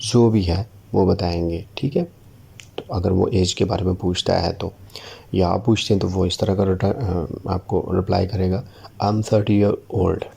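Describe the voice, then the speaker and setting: Deep, gravelly teacher. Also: male voice, dark tone. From Pakistan. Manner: slow, deliberate model sentences with frequent "theek hai" check-ins. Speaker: English teacher. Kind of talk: language lesson in Urdu.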